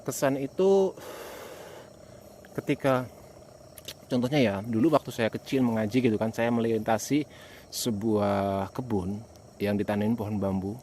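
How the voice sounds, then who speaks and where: A man hosts a casual night exploration vlog. He talks to his viewers in hesitant, repetitive phrases broken by pauses. He is outdoors, with insect noise behind him. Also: on the low side, mellow.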